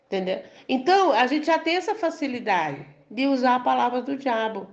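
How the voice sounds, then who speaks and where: Chatty Brazilian woman preaching, slightly high voice. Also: expressive, normal speed. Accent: Brazilian Portuguese. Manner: chatty, keeps asking "entendeu?" and "amém?", laughs lightly. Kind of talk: conversational sermon. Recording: dull lo-fi recording.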